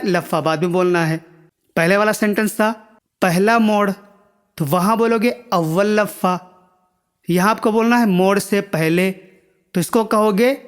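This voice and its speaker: A long reverb trails behind this man's high voice as he teaches viewers the words of a language. He repeats each one patiently and makes sure they understand, in the style of a spoken language lesson.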